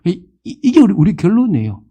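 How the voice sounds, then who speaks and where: A man's voice: high voice, wildly swooping pitch, brisk, dark tone. A man in his fifties preaching a sermon as pastor, asking the congregation questions and acting out the people he quotes. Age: 50s.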